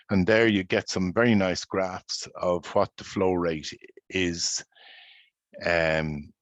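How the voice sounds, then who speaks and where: A man talks through a paddling route in a very deep, low voice. He explains things in a measured way, often pausing on um and uh. The recording is close and completely dry. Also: a bit bright, dry recording. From Ireland. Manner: measured, explanatory, with frequent fillers. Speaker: presenter, paddler. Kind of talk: informal presentation with slides.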